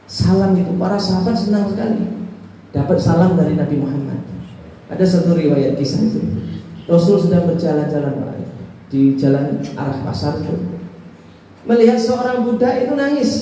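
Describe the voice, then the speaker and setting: A male preacher telling a story in a sermon, animated and rising sharply at moments. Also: sits high. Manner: animated storytelling with sudden rises in voice. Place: prayer hall. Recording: echoey prayer hall, distant mic, faint noise.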